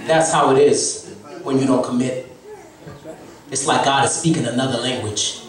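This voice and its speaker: As guest preacher in a mid-size indoor sanctuary, a man in his thirties from Haiti, with a Haitian accent, delivers an exhorting sermon, building emphasis while the congregation responds amid crowd noise. His mid-range voice keeps fairly even intonation at a normal speed. He holds a handheld mic, yet the far camera makes the church sound echoey and far off.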